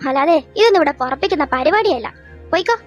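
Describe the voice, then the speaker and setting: A young woman doing a shrill scolding schoolteacher. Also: steady tone, very fast, muffled recording, soft background music. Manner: loud, scolding, interrogating. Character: strict shouting female schoolteacher, scolding. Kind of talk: fan audio drama with one voice actor.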